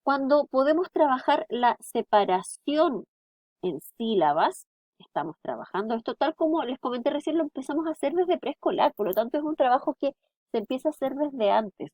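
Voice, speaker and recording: A woman's voice: a little high, no room sound, highs cut off. Woman teaching, dry close sound. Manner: explanatory, frequent tag "¿ya?". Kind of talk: recorded class lecture.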